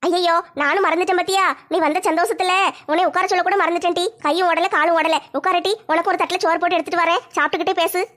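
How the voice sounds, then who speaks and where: A bossy, thrifty village mother, played by a woman, talking quickly in a very high voice. She scolds and tells stories bluntly, teasing those around her in a homemade comedy skit. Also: fairly even intonation, fairly bright tone.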